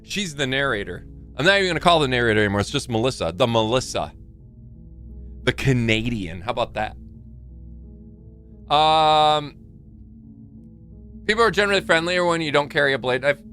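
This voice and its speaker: A man's voice: mid-range voice, animated, normal speed, long pauses, fairly bright tone, faint music behind. A man live-streaming a game with casual, playful commentary, reacting openly to what happens.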